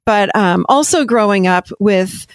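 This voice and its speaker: A woman from Rochester, New York, a therapist talking as a podcast guest in a chatty, quick way, correcting herself and laughing often. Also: medium pitch, animated, dry recording. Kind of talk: casual interview talk.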